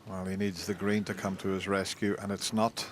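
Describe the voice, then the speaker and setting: Low-voiced man commentating on snooker. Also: flat delivery, moderate pace, noisy background.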